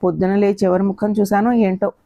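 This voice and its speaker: A woman's voice: mid-range voice, level tone, brisk, dry recording, lightly acted. A woman reading the lines of a shy young woman who apologizes through tears, in a storybook reading. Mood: tearful. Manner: apologetic, tearful pleading. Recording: dull lo-fi recording.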